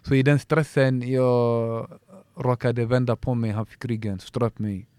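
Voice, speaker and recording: A man's voice: mid-range voice, steady tone, darkish tone, clear, resonant tone, dry recording. En man som i ett avslappnat poddsamtal berättar känslosamt om en fight, stakande och med många omtag och utfyllnadsord. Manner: emotional storytelling, halting with many restarts and fillers. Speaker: MMA fighter guest. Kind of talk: casual podcast conversation.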